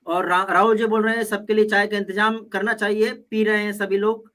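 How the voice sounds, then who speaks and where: High bright-voiced man reading comments. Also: level tone, a little fast. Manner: reads comments aloud, argues with quips. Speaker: debate panelist reading viewer comments. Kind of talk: live political panel debate.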